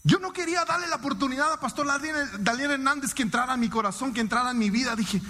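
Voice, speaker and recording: A man giving an emotional, emphatic sermon testimony to a congregation, his pitch swinging widely. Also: fast, pushed and bright. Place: church hall. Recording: long church hall reverb.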